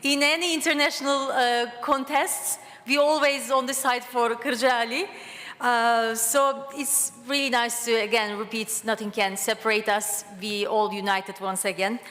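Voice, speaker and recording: Higher-voiced woman moderator, reverberant hall. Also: fairly even intonation, a little slow, a bit bright. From Turkey. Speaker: summit moderator. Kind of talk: introducing speakers at a conference.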